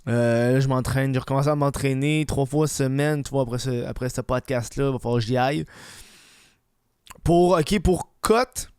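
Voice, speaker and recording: A man's voice: mid-range voice, normal speed, a little mellow, clear, resonant tone, no echo, clean studio sound. A man with a Quebec French accent and a slushy lisp on his s, rambling casually and slangily as he hosts a comedic solo podcast. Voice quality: lisp, slushy s from dental aligners. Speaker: podcast host.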